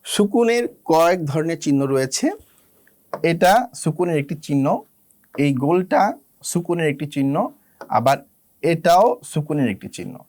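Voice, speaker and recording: A man teaching the rules of Quran recitation, slowly spelling out letters and drilling their sounds one by one. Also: fairly high pitch, a little mellow. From Bangladesh. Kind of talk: slow instructional lesson.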